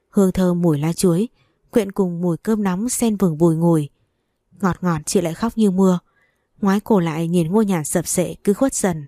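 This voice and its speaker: A woman reading storybook narration in a steady, even way. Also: fairly low pitch, dry recording, studio quality.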